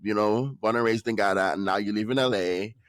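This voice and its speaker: A man with a very low voice hosts a podcast in a casual, upbeat way, often pausing on ums. The sound is dry and close, with no room around it. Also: no room sound. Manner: upbeat, enthusiastic, many ums. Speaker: podcast host. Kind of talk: casual interview chat.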